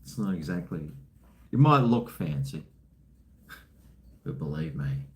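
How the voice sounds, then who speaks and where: Laid-back Australian bloke chatting. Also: male voice, a bass voice, sing-song, slow pace, a little mellow. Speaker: live streamer. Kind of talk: casual live stream chat, responding to viewers.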